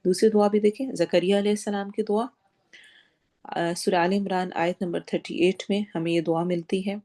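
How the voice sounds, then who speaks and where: A woman's voice: mid-range voice, steady tone, warm tone. Patient woman teaching Quran recitation. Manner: patient, explains step by step, stretches out words when demonstrating. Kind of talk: recitation lesson with explanation.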